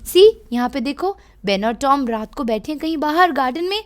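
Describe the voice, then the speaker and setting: A woman's voice: sits high, expressive, normal speed. A woman with an Indian English accent teaching a children's reading lesson, patiently explaining as she switches between Hindi and English.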